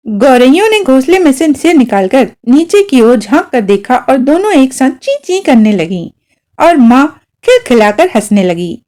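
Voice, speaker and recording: Woman narrating a story with lively intonation. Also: high-pitched. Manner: expressive, animated storytelling. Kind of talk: reading a short story aloud.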